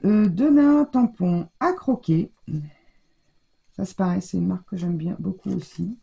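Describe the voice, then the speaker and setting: French woman, scrapbooking vlogger, rambling filler-heavy chatter, mellow tone, stuffy nose. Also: mid-range voice, vocal fry. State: scratchy throat, stuffy nose. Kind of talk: casual show-and-tell haul.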